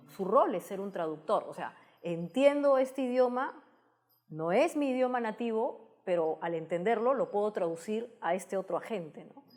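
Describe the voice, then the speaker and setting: Speaking with a Peruvian Spanish accent, this woman, a guest and tech communicator, gives long, thoughtful interview answers, frequently starting over and adding tag questions. Her voice sits at a medium pitch and has a slightly mellow quality.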